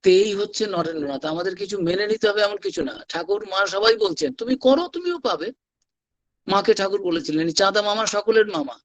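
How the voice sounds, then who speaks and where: A monk delivering a devotional talk at an online gathering, reading letters aloud and telling stories with animated quoted voices. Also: male voice, high voice, fairly quick, few pauses. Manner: animated storytelling, voicing quoted figures. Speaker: monk giving a religious talk. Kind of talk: devotional discourse with read-out letters. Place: online satsang session.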